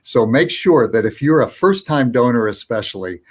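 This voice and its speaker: A man co-hosts a virtual fundraiser and explains a donation match in an upbeat way. His voice sits at an ordinary middle pitch, and he often repeats a word before going on. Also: expressive, moderate pace. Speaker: nonprofit co-host. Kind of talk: live virtual fundraiser appeal.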